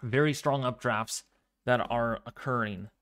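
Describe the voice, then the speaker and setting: Soft-spoken, clear-voiced man on a weather livestream. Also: mid-range voice, unhurried. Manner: calm, fairly monotone delivery. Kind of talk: live severe weather commentary, chatting with viewers.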